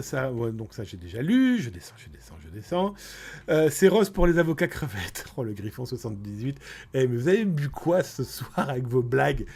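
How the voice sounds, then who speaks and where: A middle-aged man from France hosts a relaxed live stream, chatting warmly with his viewers and thanking them one by one. His voice sits a little high and has a gravelly, creaky edge. He laughs easily and keeps a loose, friendly flow of talk. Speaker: streamer reading viewer chat. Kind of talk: casual live-stream chat.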